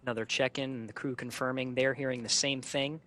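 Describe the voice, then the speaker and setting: Bright, crisp-edged man commentating a launch. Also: medium pitch, fairly even intonation, a little fast. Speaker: launch webcast host. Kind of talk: live technical commentary.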